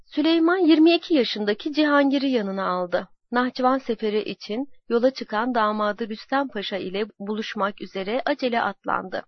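A woman narrating a historical story in a slow, dramatic and measured way. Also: fairly high pitch, no echo. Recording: dull lo-fi dry recording.

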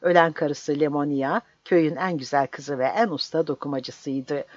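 A narrator reading a novel aloud in a measured, dramatic way. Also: medium pitch, steady tone, no echo. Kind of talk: audiobook narration. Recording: slightly dull dry recording.

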